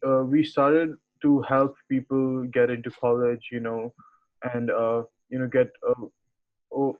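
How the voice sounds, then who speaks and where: Hesitant man on a tinny video call. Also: mid-range voice. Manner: hesitant, many filler sounds. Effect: heard over a video call. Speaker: interviewer. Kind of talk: casual interview chat.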